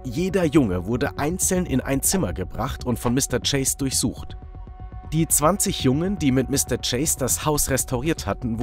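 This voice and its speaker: A man with a mid-range voice reads a first-person story as scripted narration. His delivery is animated and expressive.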